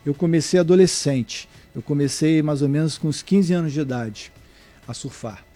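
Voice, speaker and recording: A middle-aged man from Brazil, a guest surfer and surf instructor, answering interview questions in a halting way with many restarts. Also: on the high side, warm tone, soft background music. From Brazil (born in Salvador, raised in Niterói). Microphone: remote mic, at first too far away.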